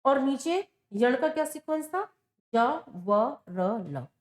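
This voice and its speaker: A woman teacher explains grammar at an unhurried pace, pausing to ask questions and then answer them herself. Her voice sits high. It rings in an echoey classroom. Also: animated. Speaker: Sanskrit teacher. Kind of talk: exam-prep lesson at a board.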